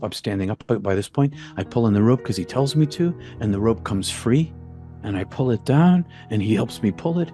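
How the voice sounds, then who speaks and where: A man recounting a personal experience in a halting way, often repeating words and restarting. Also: fairly low pitch, dark tone. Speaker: storyteller. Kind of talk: personal testimony.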